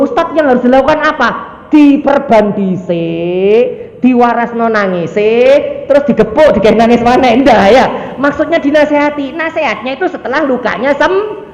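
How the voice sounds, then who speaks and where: A man with an East Javanese accent preaching a lively, jokey mosque sermon and mimicking the people in his examples. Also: very high voice. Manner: lively, jokey, acts out quoted voices. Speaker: ustadz preacher. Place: mosque hall. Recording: echoey dull hall sound, faint background noise.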